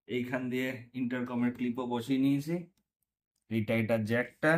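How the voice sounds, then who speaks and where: Narrating his motorcycle vlog, a man casually guides viewers through a hands-on tutorial one step at a time. His mid-range voice has a darkish tone, and his manner is informal.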